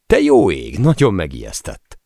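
A man's voice: deep voice, huge pitch swings, mellow, no echo, studio quality, exaggerated voice. A man doing a mocking older TV host. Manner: sarcastic, teasing.

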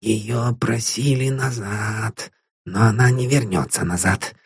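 A man's voice: on the low side, slow pace, creaky, husky, no room sound, studio quality, heavily acted. A man voicing a nervous, frightened elderly pawnbroker who mutters and pleads in a timid, breathless way. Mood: fearful muttering.

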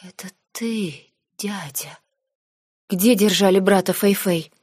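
A woman's voice: lowish voice, measured pace, dry recording, clean studio sound. A woman reading the lines of a distraught young noblewoman arguing with her uncle in an audiobook. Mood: upset, shouting. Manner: pleading, then shouting in anger. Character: angry, hurt young noblewoman heroine.

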